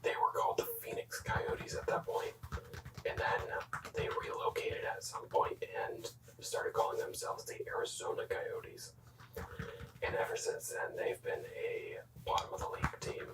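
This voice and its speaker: An echoey room and a mic placed well away from the speaker frame this whispered ASMR clip. A young adult creator presents hockey jerseys in a soft, unvoiced whisper, slowly repeating words and rambling through offhand, self-correcting remarks.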